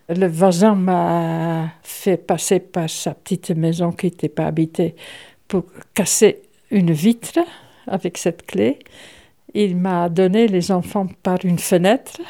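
An older woman, a great-grandmother, recalling her past in a halting, wry way. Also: fairly low pitch, warm tone. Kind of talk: personal recollection for a documentary.

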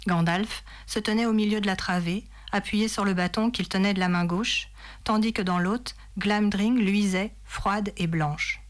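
Woman, dramatic book reading, measured storyteller, mid-range voice. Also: mid-range voice, fairly even intonation. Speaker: reader. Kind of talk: expressive reading of a novel passage.

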